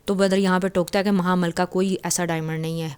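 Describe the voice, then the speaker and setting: A woman's voice: fairly low pitch, little pitch movement, a little mellow, smooth. A woman casually retelling a novel as a storyteller, talking in a loose, conversational way with frequent restarts.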